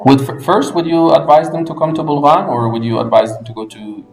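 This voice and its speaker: A man from the United States hosting an interview, asking questions in clear, explanatory steps. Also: on the high side, fairly quick. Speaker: interviewer, English language fellow. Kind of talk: podcast interview. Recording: echoey room, music underneath.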